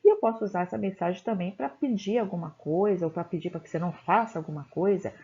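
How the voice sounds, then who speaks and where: A woman teacher lectures with patient explanations and frequent checks for understanding. Her voice is mellow and gravelly, with a slight fry. The recording sounds dull and lo-fi. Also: mid-range voice, quick pace. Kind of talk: classroom lecture.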